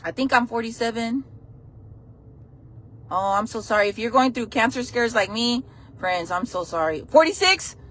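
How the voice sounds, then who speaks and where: Blunt, higher-voiced woman in her forties. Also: animated, normal speed, pauses often, a bit bright, slight background noise. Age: 40s. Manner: blunt, frank and playful, reacting to chat. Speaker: livestream host. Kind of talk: casual livestream chat.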